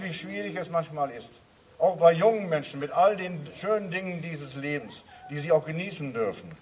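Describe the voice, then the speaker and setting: Husky man preaching from afar. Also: fairly high pitch, darkish tone, recorded from a distance, low-quality recording. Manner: earnest preaching with repeated refrains. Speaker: pastor. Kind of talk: sermon.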